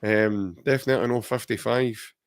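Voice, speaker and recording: A man's voice: mid-range voice, steady tone, normal speed. A Scottish man in his forties co-hosting a podcast, chatting casually, joking and reading out viewer comments. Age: 40s. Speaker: podcast co-host. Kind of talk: casual chat.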